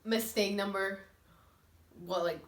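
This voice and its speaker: A woman's voice: mid-range voice, steady tone, slow. A woman in her twenties telling a story while eating, chatty, laughing and saying "like" constantly. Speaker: mukbang vlogger. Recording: echoey room with faint ambience.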